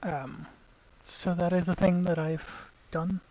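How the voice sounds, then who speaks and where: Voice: mid-range voice, flat delivery, slow pace, warm tone, low-quality recording. A let's play gamer giving casual, chatty gameplay commentary, explaining tactics to viewers and sometimes dropping to a whisper.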